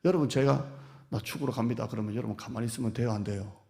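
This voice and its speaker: Male pastor with a gravelly voice, lively sermon, acts out quotes, big hall echo. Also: medium pitch, rapid-fire. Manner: lively, playful, acts out quoted speech and teases the congregation. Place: church sanctuary. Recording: long hall reverb.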